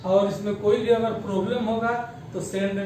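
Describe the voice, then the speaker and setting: A man teaching an English grammar lesson, explaining slowly and spelling out words syllable by syllable, mixing English terms into Hindi. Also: sits high, flat delivery, darkish tone, far from the mic, slight background noise. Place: school classroom. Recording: very echoey room, voice off-mic.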